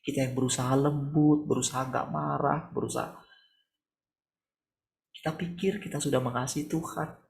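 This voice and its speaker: A man, a pastor giving a conversational morning sermon over a video call, asking rhetorical questions and moving between soft and raised tones. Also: medium pitch, steady tone, moderate pace, creaky, long pauses.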